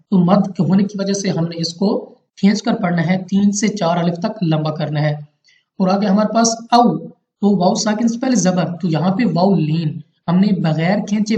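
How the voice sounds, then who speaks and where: A man's voice: high voice, warm tone. A man from Pakistan teaching Quran recitation rules in a patient, step-by-step lesson, repeating each rule carefully. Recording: roomy, dull lo-fi home recording.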